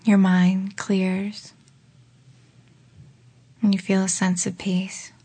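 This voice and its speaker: A woman leading a guided relaxation exercise in a slow, soft voice that often drops into a whisper. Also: medium pitch, completely flat delivery, slightly rough. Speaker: meditation guide.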